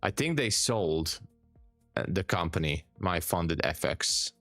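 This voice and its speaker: During a calm live stream, a Hungarian-accented man reads comments from viewers out loud and answers them easily, often repeating words to stress a point. He speaks slowly in a low voice, with faint music behind and no room sound.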